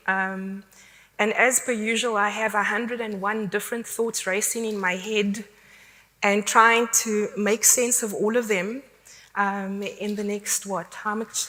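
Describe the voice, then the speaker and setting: A woman's voice: medium pitch, a bit bright. South African woman talking in a reverberant hall. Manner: candid, conversational, self-deprecating. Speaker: conference speaker. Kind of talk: conference talk.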